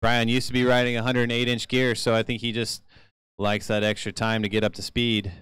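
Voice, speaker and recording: A man's voice: mid-range voice, completely flat delivery, brisk, a bit bright, smooth, dry recording. A man from Kentucky calling bike races live as track announcer, with playful jokes between the calls. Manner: jokey, playful asides between race calls. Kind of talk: live race commentary over PA.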